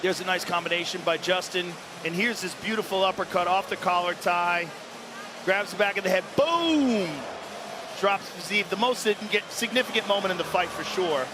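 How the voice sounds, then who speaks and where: A male analyst with a high voice gives live fight commentary in plain, exclamatory phrases. Arena noise is clearly audible behind him. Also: fairly even intonation, a little fast. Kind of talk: live commentary and replay breakdown.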